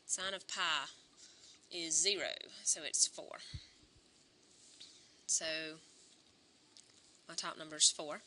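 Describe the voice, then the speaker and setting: A woman teaching a calculus lesson, slightly hoarse and clearing her throat, talking through each step aloud and correcting herself as she goes. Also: deep voice, fairly even intonation, takes it slowly, pauses often, bright, forceful tone, a little hiss or hum. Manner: talks through steps aloud, self-correcting. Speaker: math teacher.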